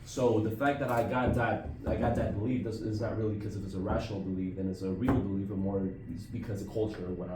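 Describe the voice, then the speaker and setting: A man's voice: on the low side, warm tone, recorded from a distance, slight background noise. A man from Colombia in a casual discussion, speaking earnestly and often restarting his words. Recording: roomy audio from off-mic.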